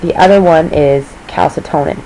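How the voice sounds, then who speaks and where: In a low-quality recording with a faint hum beneath it, a woman with a low, dark-toned voice teaches a review lesson. She's losing her voice as she works through the material step by step, checking in with a quick "okay?"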